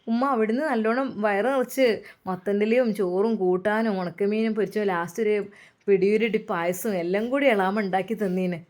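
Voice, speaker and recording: A woman voicing a caring, hurried young husband who speaks softly and coaxingly. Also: steady tone, natural voice. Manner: soft, coaxing, lowered voice.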